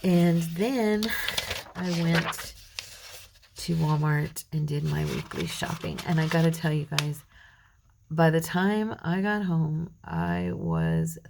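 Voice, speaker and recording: A tired, middle-aged woman hosts a craft channel, chatting and rambling to her viewers as she works through a tutorial and softly muttering to herself along the way. Her voice is deep and gravelly, with big pitch swings and a slow pace. Background noise is present in this casual crafting chat.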